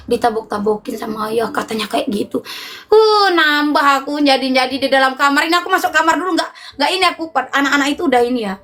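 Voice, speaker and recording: Animated high-voiced woman. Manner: animated, emotional retelling, often laughing. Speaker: livestream host. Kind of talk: casual live storytelling to viewers.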